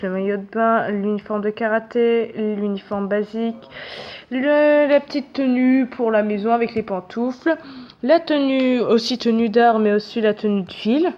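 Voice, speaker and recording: A young woman giving casual, chatty commentary as she plays a game, self-mocking and swearing casually at it. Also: fairly high pitch. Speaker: gaming video creator. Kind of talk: casual let's-play commentary. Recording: dull, slightly lo-fi audio.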